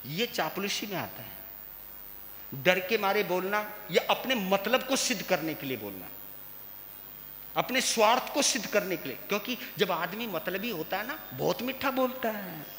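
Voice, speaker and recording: A high, bright male voice delivers an unhurried sermon, leaning on repeated phrases and rhetorical questions. He sounds like a monk addressing a gathering. The sound rings through a large hall with a long tail and a faint hiss underneath. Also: sing-song. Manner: slow, emphatic, repeats phrases and asks the listeners questions. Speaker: Jain monk preaching.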